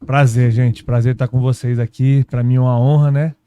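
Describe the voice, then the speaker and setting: A man from São Paulo state telling his story as a guest pastor, unhurried, tagging his sentences with little questions. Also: mid-range voice, steady tone, dark tone, smooth. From São Paulo state, Brazil. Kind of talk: casual testimony conversation. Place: podcast studio.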